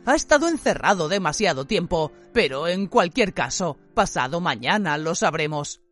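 A woman voicing a big, kindly male gamekeeper who speaks in a hushed, confiding way. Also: fairly low pitch, sing-song, moderate pace, soft background music. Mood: worried.

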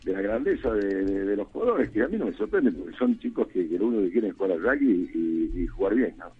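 A middle-aged Argentine man, a rugby coach, talking earnestly by phone in a halting way with many restarts and fillers. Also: on the low side, lively intonation, breathy edge. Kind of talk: casual phone interview. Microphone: telephone. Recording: tinny phone line.

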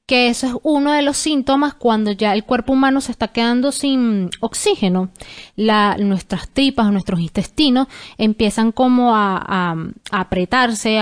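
A young adult woman co-hosting a casual podcast, explaining things in an earnest, steady way. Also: on the high side, smooth. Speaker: podcast co-host.

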